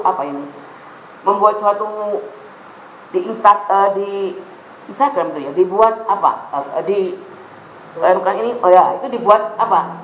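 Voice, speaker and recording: A middle-aged woman pastor with a Javanese accent, preaching a lively sermon in a church hall and slipping into local phrases. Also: mid-range voice, slight background noise. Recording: echoey room with faint ambience.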